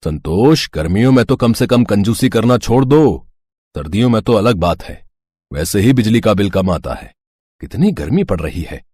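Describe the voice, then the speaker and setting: Cartoon husband, middle-aged, calm and lively-voiced, a man acting it. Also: on the low side, moderate pace, breathy edge, dry recording, studio quality. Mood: easygoing.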